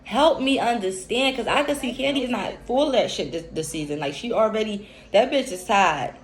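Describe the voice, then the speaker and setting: A woman's voice: fairly high pitch, lively intonation, a little fast. A woman, giving an unscripted, profane, emphatic reality-TV recap rant. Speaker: recap commentator. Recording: echoey room with faint hiss.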